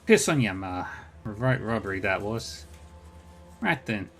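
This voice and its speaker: A man's voice: mid-range voice, moderate pace, creaky, soft background music, natural voice. A man voicing a tough, blunt woman ranger from Dublin with a lilting Irish accent and dry, folksy humour. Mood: wry.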